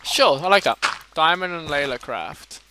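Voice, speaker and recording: A man's voice: on the high side, expressive, moderate pace, a crowd in the background, rough recording. A man hosting a casual gaming chat, teasing his guest in a dry way. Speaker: host gamer.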